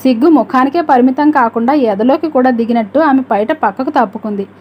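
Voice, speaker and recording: Woman storyteller, high voice, steady measured audiobook reading. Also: highs cut off. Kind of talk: audiobook narration.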